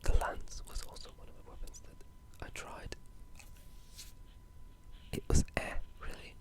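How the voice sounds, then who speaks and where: In a loose, wandering ASMR chat about video games, the speaker uses a breathy, unvoiced whisper and talks like an eager gamer. The pace is measured.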